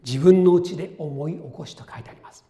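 A man preaching a sermon as pastor, earnest, rising to loud exclamations and dropping to soft whispered asides. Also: a little high, a little fast. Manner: quotes voices and his own notes conversationally.

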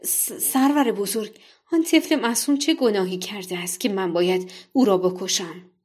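A woman's voice: mid-range voice, a little mellow, breathy edge, natural voice. A woman voicing a frightened male executioner who speaks hesitantly and apologetically in a told folktale. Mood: fearful.

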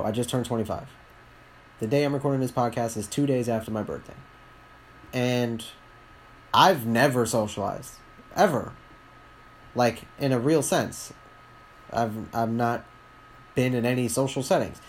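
A man, talking alone on his podcast in a rambling, candid way, often halting and restarting his sentences. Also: medium pitch, a little hiss or hum. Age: 20s. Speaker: podcast host. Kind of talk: solo podcast monologue.

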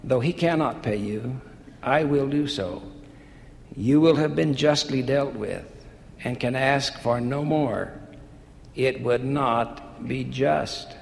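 Steady, generous mediator read by a man in a sermon; gravelly, hall echo. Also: medium pitch, slow pace. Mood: assuring. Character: calm generous male friend who mediates. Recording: echoey hall with faint hiss.

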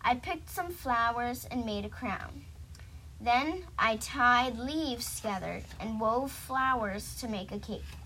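A woman reads a children's picture book aloud with a gentle, expressive delivery. Her voice is high and bright, and she takes her time over each line. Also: takes it slowly, a little hiss or hum, rough recording. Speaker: storybook reader. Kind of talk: children's story read-aloud.

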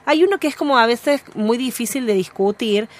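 A woman co-hosting an interview, asking questions in a thoughtful, measured way. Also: on the high side, animated. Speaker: co-host.

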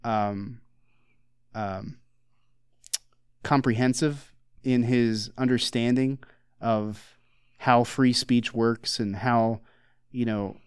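A man in loose, rambling podcast conversation, circling his points and stopping to restart his sentences. His voice is smooth and resonant, sitting in an ordinary middle register, and it is recorded close and dry. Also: medium pitch, fairly even intonation, drawn-out words, pauses often, dry recording. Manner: rambling, with many fillers and restarts. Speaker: podcast co-host. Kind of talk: casual conversational podcast chat.

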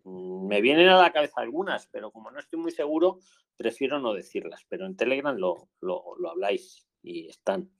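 A man's voice: on the low side, animated, fairly quick. A man with a Spain Spanish accent, hosting a live call-in Q&A and giving advice in a chatty way, often repeating himself for emphasis. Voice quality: gravelly. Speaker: asylum advice host.

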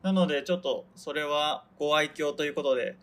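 A young man from Hokkaido, Japan, runs his own radio show, chatting casually on his own, rambling and often losing track of what he was saying. His voice sits on the high side, with a brisk delivery and a fairly bright tone.

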